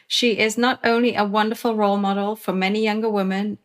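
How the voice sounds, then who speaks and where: A woman's voice: medium pitch, steady tone, fairly quick. A woman co-hosting a leadership podcast, introducing the show and asking interview questions in an earnest, enthusiastic way. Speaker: podcast co-host.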